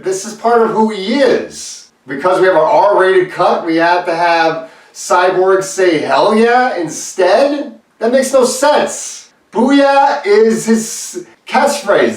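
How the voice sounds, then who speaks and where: A man giving a casual movie review, talking in animated bursts of disbelief. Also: high voice. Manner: animated, exasperated outbursts of disbelief. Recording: roomy and far from the mic.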